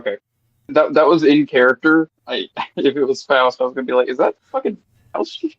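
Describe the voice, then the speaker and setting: A man's voice: mid-range voice, steady tone, fairly quick, dry recording. A man playing a tabletop game, chatting casually, joking and swearing freely. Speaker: player. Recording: dull, dry lo-fi mic.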